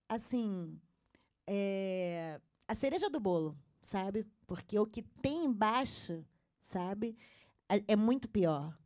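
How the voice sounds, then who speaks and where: A woman's voice: fairly high pitch, darkish tone. A woman speaking as a panelist at a symposium, earnest and emphatic, with frequent fillers. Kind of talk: panel talk. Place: symposium stage.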